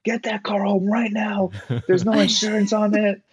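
A man voicing an angry middle-aged father yelling at his son during a story. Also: high voice, level tone, moderate pace, crowd noise, pitched above the performer's own voice, lightly acted. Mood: furious. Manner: yelling, outraged scolding.

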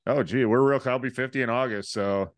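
A man's voice: medium pitch, a little fast, no echo. A man in his forties hosting an interview, asking friendly, enthusiastic questions in casual chat. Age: 40s. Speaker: podcast host.

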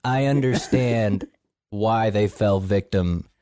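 A man cracks sarcastic, deadpan jokes in a low, dark voice and swears freely. The sound is dry and close to the mic. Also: slow pace, dry recording. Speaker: podcast co-host. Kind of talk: casual podcast chat.

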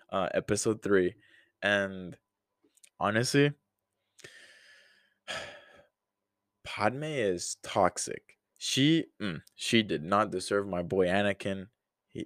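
Deep-voiced young man chatting slowly. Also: dry recording, studio quality. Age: early 20s. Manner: rambling and chatty, with frequent sighs and laughs. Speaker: podcast host. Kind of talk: casual solo podcast chat.

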